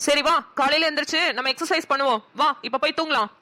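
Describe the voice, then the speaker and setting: A woman with a Namakkal Tamil accent voices a bossy, scolding friend in a cartoon. She talks quickly in a high, bright voice. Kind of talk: cartoon voice acting.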